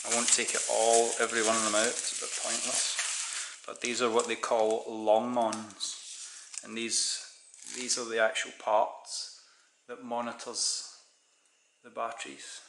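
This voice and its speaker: A Scottish DIY hobbyist chats casually while unboxing parts on his kitchen counter at home, thinking aloud and correcting himself. His medium-pitched voice stays monotone at a measured pace. He films his hands with the camera mic from off-screen, and the kitchen sounds echoey with background noise.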